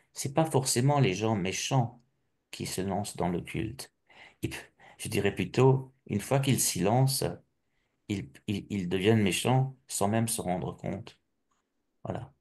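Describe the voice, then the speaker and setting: A middle-aged man from Alsace giving a personal testimony, halting and restarting often with repeated words. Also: low voice, vocal fry, a little mellow. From Alsace, France.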